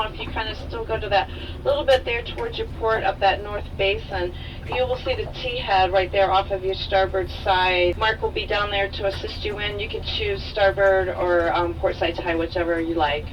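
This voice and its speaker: A woman from the marina staff speaking over a marine VHF radio, giving relaxed, loosely worded docking directions with fillers. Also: medium pitch. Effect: marine VHF radio transmission. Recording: muffled distant radio with static noise.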